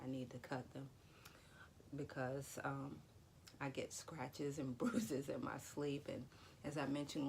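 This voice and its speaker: Low creaky-voiced woman vlogging. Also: slight background noise. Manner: rambling, lots of "you know". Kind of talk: casual talk to camera about dreams.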